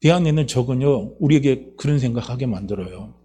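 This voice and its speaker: A male pastor delivering a Sunday sermon, swinging between hushed low lines and loud emphatic exclamations. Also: lively intonation, quick pace. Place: church sanctuary.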